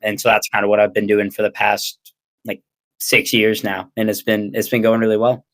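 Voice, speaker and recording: Low-voiced young American man, chatting casually. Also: monotone, moderate pace, fairly bright tone. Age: young adult. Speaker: interview guest, ninja athlete and coach. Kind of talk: casual interview conversation.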